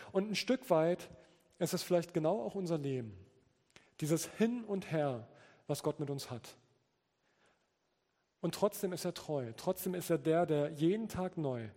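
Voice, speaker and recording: A man's voice: on the high side, warm tone. A man preaching an earnest sermon, reading scripture passages aloud. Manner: earnest, with quoted scripture read out. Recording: long reverb of a large hall.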